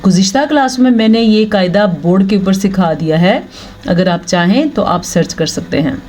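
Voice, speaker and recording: A woman teaching Quran recitation rules step by step. She explains each rule patiently, checks in often, then chants the Arabic words slowly. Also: mid-range voice, darkish tone. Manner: checks in with "thik hai" often. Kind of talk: slow, step-by-step tajweed lesson.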